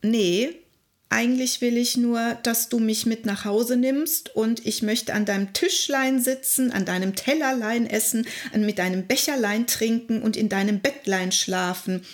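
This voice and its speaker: A pushy male frog from a fairy tale, talking in offhand slang and ordering the girl around, as a woman quotes him in her own voice. He sounds casual and brash rather than croaky. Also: a little high, measured pace, natural voice. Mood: bossy.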